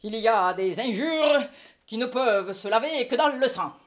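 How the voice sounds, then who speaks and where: A woman's voice: fairly high pitch, lively intonation, moderate pace, close to an everyday voice. Woman reading a pompous French husband. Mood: flustered. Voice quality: pompous, mock-solemn. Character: indignant middle-aged husband judging his maid. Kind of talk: live stage reading.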